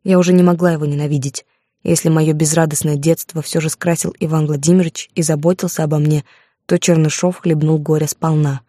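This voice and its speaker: A woman's voice: low-pitched, steady tone, brisk, warm tone, no echo, clean studio sound. A woman narrating a first-person audiobook with a dramatic, emotional reading.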